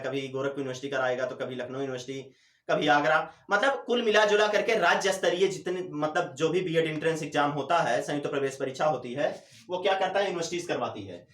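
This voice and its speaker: A male teacher giving a classroom lecture, asking questions and answering them himself, drawing out words slowly to demonstrate. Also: fairly high pitch, recorded from a distance. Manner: drawls syllables slowly to demonstrate. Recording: echoey room.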